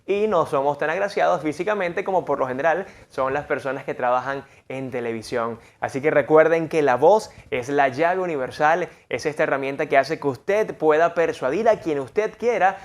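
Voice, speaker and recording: A man teaching a lesson on voice and persuasion. His voice sits fairly high, and he shifts it widely to demonstrate each point. He speaks with clear emphasis. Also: normal speed, hardly any pauses. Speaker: voice and speaking coach. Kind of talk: lesson on vocal technique.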